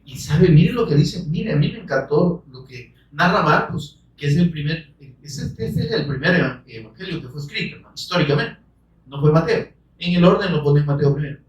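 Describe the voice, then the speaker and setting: A man preaching a sermon, fervent and rising to shouts, calling listeners brother. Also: fairly high pitch, lively intonation, normal speed, lo-fi sound. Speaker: pastor. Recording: echoey room, voice from far off the mic.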